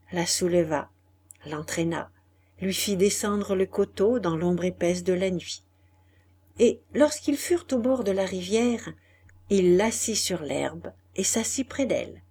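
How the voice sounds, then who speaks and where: A woman reading a classic novel aloud as an audiobook, soft and measured, often dropping nearly to a whisper. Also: mid-range voice. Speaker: audiobook reader. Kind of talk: literary audiobook narration.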